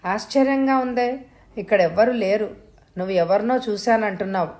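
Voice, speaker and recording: A woman voicing a concerned grown man in an audio story, asking steady, probing questions. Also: medium pitch, moderate pace, close to an everyday voice. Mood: questioning.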